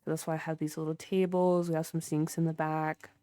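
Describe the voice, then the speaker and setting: Her deep, warm voice barely shifts in pitch and runs a little fast as this young woman streams herself building in a game. She tours her build in a chatty way full of fillers, talking with viewers, over a clean sound with no room noise.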